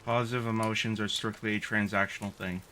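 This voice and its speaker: A man chatting casually over a game with a stream host, joking in a dry, deadpan way. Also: on the low side, fast, slight background noise. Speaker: guest streamer. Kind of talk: casual gaming chat.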